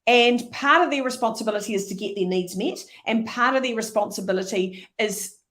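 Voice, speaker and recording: Energetic New woman guest. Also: a little high, brisk. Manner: energetic, animated storytelling. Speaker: interview guest, leadership speaker. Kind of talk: conversational interview.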